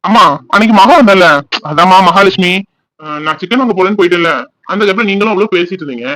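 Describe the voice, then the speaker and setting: An eager, lovesick young man in a cartoon, voiced by a man, pleading and fast. His voice sits high for a man. The sound is dry and close. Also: a bit bright, dry recording, poor audio. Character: anxious young man in love, pestering his mother.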